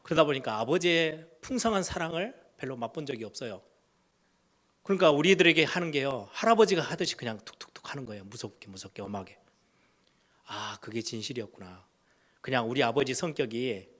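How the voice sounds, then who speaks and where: A middle-aged man, a pastor, preaching a sermon in a storytelling way, swinging between loud emphatic lines and hushed low ones. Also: lively intonation, a little fast. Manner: storytelling, acts out quoted voices of kids and parents.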